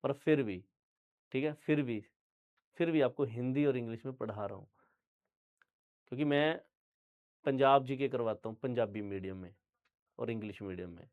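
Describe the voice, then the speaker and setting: A man's voice: medium pitch, moderate pace, pauses often, phone-quality sound. A young man from Punjab whose first language is Punjabi, giving an online general-knowledge lecture to students and checking in with them often. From Punjab, India. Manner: talks straight to students, repeats "theek hai" often. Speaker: GK teacher.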